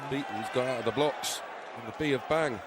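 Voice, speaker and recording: A man's voice: mid-range voice, a little fast. A man giving conversational analysis as co-commentator on live darts. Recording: clear crowd and venue noise behind.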